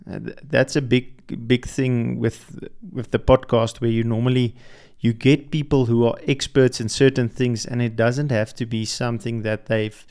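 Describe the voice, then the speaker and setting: This young man, whose first language is Afrikaans, reflects alone on his podcast in a hesitant way, restarting often and using fillers. His voice is a little mellow, medium in pitch and steady, at normal speed with few pauses.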